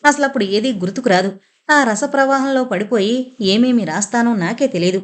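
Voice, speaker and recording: A woman's voice: on the high side, normal speed, natural voice. A lovestruck young woman speaks in dreamy, poetic phrases, as a woman reading the story puts her on. She sounds swept away and trance-like. Her words come from a storybook romance. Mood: rapturous. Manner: rapturous, poetic.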